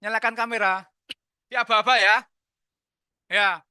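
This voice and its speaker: A middle-aged man with a Javanese accent, a teacher hosting a school Zoom session in a lively, chatty way, mixing in Javanese words. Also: high-pitched, unhurried, clean tone, dry recording, studio quality. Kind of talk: casual hosting over Zoom.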